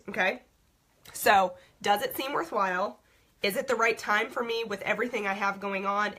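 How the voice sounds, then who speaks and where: A young woman talks her team through goal-setting, blunt and chatty, tacking "okay?" onto her points. Her voice is bright but husky and wearing hoarse. She sounds like a leader coaching people she knows. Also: mid-range voice. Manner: frank, repeats "okay?" often. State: voice going hoarse. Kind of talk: casual instructional talk.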